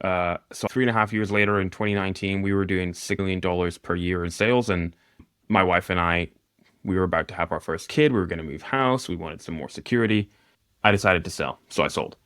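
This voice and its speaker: Appearing as a guest mentor on a podcast, this thirty-something from Northeast Scotland talks casually, poking fun at himself and laughing easily. His accent blends mid-Atlantic with a slight Scottish edge, and his voice is deep yet a bit bright. The recording is dry and of studio quality.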